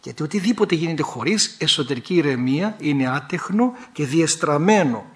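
A male priest giving a sermon in a fairly high voice. He preaches with animated delivery and sudden rises in pitch, mixing in humorous asides.

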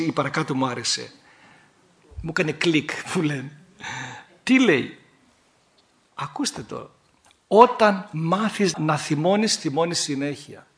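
A man, a priest, preaching a sermon with animated delivery, sudden rises in pitch and humorous asides.

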